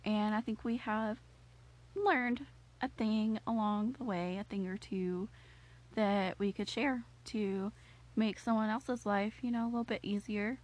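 A woman's voice: medium pitch, steady tone, measured pace, darkish tone. A woman co-hosting a podcast, playful and teasing but earnest when she turns serious. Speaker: podcast co-host. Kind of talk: casual chat.

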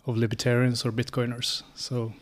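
A Swedish man in his thirties, a guest on an interview podcast, telling his story in a steady, methodical way with frequent pauses. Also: medium pitch. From Sweden. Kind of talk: casual interview answers.

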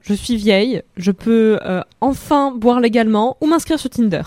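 A woman's voice: fairly high pitch, moderate pace, mellow, no echo. An eighteen-year-old woman hosting a film segment on the radio, chatting casually in a playful, joking way from a studio microphone. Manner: playful, lightly joking while listing films.

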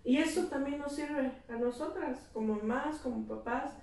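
A middle-aged woman explains things earnestly in a fairly high voice. She sits back from the mic in a very echoey room. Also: normal speed, creaky, a little mellow, distant mic. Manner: earnest, explanatory, acts out children's quotes. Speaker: child therapist guest. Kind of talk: casual conversation.

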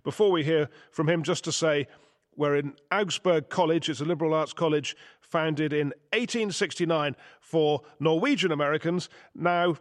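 A man presents a radio news programme in a fairly high voice, leading the talk with brisk questions and introductions. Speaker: host. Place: college hall with live audience.

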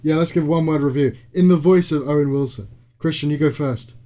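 A man's voice: fairly high pitch, fairly quick, mellow. A man in a casual podcast chat, playful and steering the talk along. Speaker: podcast co-host.

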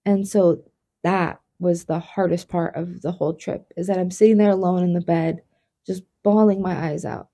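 Soft-spoken reflective woman, mellow husky voice. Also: lowish voice, steady tone, normal speed. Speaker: podcast co-host. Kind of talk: casual chat.

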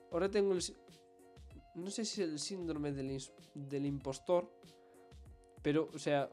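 A young man co-hosting a casual podcast, telling a story in an animated way and fretting about his accent. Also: on the high side. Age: young adult. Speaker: podcast co-host. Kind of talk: casual chat.

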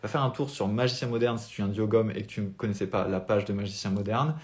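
A man's voice: lowish voice, fairly even intonation, fast. A young French man with a French accent, a spiritual life coach giving an earnest, motivational talk on a live stream without notes.

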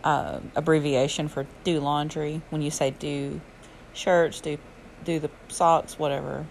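A woman's voice: low voice, level tone, a little slow, creaky, a little mellow, slight background noise, rough recording. A woman with a Southern US accent and drawl, hosting a chatty solo podcast in casual, slangy regional speech. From Alabama, southern United States. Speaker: podcast host and yoga and fitness teacher.

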